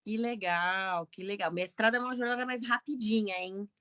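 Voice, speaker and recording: A woman's voice: mid-range voice, fairly even intonation, normal speed, pushed and bright, dry recording. A woman hosting an online student meeting, welcoming newcomers in a chatty, casual way over a video call. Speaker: meeting host, student association coordinator.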